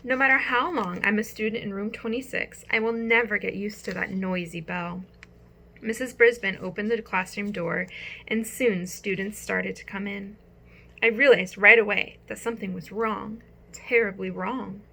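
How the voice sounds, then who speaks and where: A woman narrating a children's audiobook with expressive storytelling. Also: mid-range voice, moderate pace, gravelly.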